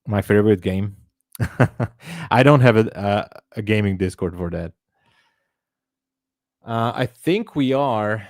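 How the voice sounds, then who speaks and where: Slow, low-voiced man from Hungary. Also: dry recording, studio quality. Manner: chatty, laughs often, thinks aloud. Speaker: livestream trading host. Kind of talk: casual live-stream chat.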